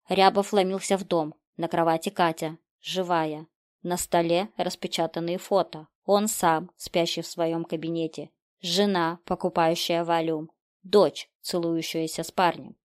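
A woman's voice: fairly low pitch, a little mellow, dry recording, studio quality. A woman narrating a horror story in terse, clipped, grim sentences.

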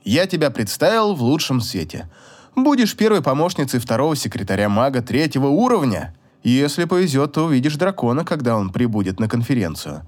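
A man's voice: mid-range voice, sing-song, a little fast. A man voicing a young man, the heroine's smug boyfriend, who talks in a teasing, self-assured way in an audiobook. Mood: reassuring. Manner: teasing, then fawning and apologetic.

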